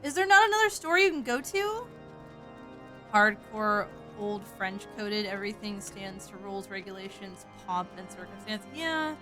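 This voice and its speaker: Streaming a game, this Southern US woman keeps up a chatty, profane, lively patter in a light Southern accent. She speaks at a moderate pace and medium pitch over soft background music.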